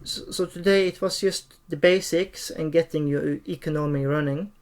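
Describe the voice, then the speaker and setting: A streamer giving an unscripted, hesitant gameplay tutorial, often pausing and repeating phrases. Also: mid-range voice, steady tone. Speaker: streamer and game tutorial host.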